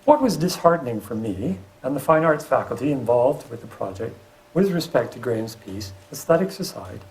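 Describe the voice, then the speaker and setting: A man's voice: medium pitch, slight background noise, rough recording. A middle-aged man, a professor and landscape architect, giving a public lecture with slides and dropping wry asides. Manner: lively delivery with wry asides.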